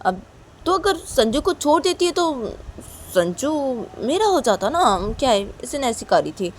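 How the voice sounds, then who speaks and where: Woman voicing a jealous scheming older sister, wheedling and insistent, lower voice, homemade story reading. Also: darkish tone, a little hiss or hum, natural voice. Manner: wheedling, insistent, repeats herself.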